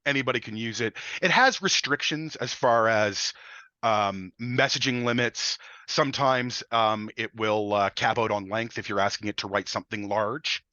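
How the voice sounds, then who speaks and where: A man's voice: lowish voice, normal speed, bright, forceful tone, no echo. A man co-hosting a webinar in casual, enthusiastic explanatory talk, often restarting his phrases. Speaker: webinar co-host. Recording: slightly dull lo-fi sound, dry.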